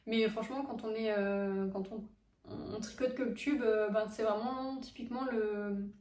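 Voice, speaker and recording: A woman's voice: medium pitch, steady tone, normal speed, a little mellow, recorded from a distance. A woman hosting a knitting vlog, chatting casually with many fillers and restarts. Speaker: knitting podcast host. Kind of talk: casual show-and-tell vlog. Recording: echoey room, mic set back.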